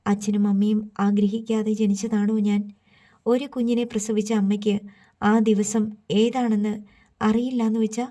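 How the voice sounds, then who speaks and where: A woman's voice: medium pitch, flat delivery, moderate pace, dark tone, lightly acted. A woman reading as a resentful young woman. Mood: bitter. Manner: bitter, accusing questions. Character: hurt young woman, resentful toward her parents.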